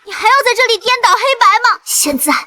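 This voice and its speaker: Brief: a defiant daughter, very high bright voice, scornful and sharp. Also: female voice, lively intonation, quick pace, exaggerated voice. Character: defiant young immortal-sect daughter, fierce, accusing. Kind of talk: dubbed costume drama acting.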